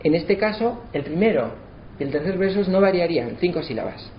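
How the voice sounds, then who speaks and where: A man giving a lesson, slowing down to sound out words syllable by syllable. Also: high-pitched, lively intonation. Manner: spells out syllables slowly to demonstrate. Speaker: lecturer. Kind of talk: explanatory lesson. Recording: slightly dull, faint background noise.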